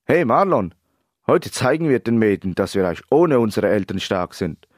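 A man's voice: on the low side, sing-song, normal speed, dry recording. Young male footballer, older brother, read by a man, raised voice, dry sound. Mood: teasing. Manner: teasing then indignant.

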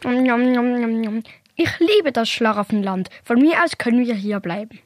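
A woman voices a greedy little sweet-loving creature in a children's audio story. The voice is high and whiny, always begging for more, with soft music behind. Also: animated, moderate pace, lightly acted.

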